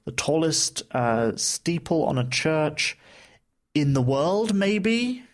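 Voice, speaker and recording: A man's voice: a little high, very animated, slow pace. Chatty male podcast co-host. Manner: chatty, playful with words, many fillers. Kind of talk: casual podcast chat.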